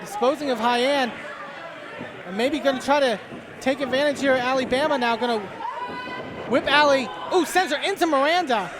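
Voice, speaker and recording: A man doing live play-by-play wrestling commentary in an excitable way, punctuating his calls with exclamations. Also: very high voice, normal speed, long pauses. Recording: noisy venue with loud crowd. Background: crowd noise.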